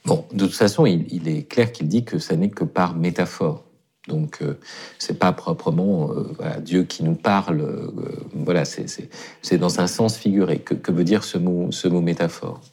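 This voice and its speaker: A man's voice: low-pitched, moderate pace, darkish tone, breathy edge. A man talking as a guest on a philosophy radio show, thinking aloud with many hesitations and restarts.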